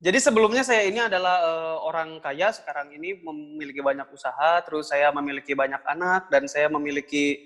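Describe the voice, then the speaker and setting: A man's voice: a little high, a little fast, hardly any pauses, a bit bright, natural voice. A man playing a boastful, self-important rich guest on a comedy podcast, fussy about being interrupted. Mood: pompous.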